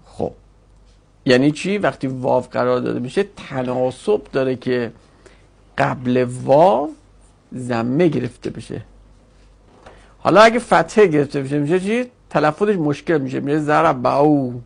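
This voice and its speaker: A man teaching Arabic grammar in a classroom lecture, explaining forms step by step and repeating them slowly for students. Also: medium pitch, animated, vocal fry.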